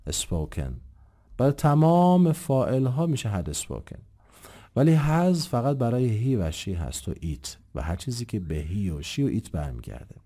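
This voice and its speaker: Deep guy teaching grammar, lively up and down, polite to the viewers. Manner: explains patiently, asks rhetorical questions and answers them; addresses listeners politely and formally. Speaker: English teacher. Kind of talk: grammar lesson.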